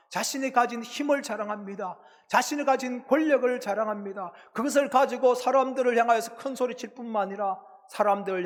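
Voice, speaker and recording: A man preaching an early morning sermon as senior pastor, reading scripture slowly and asking the congregation rhetorical questions, with phrase endings that drop lower and softer. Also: big-room sound. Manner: asks the listeners rhetorical questions; reads scripture slowly and with weight.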